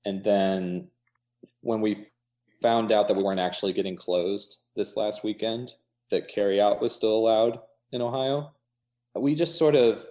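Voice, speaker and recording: An American coffee shop owner gives a casual interview in a fairly low, warm voice, unhurried and with fairly even intonation. He thinks aloud in loose fragments dotted with "like" and "you know."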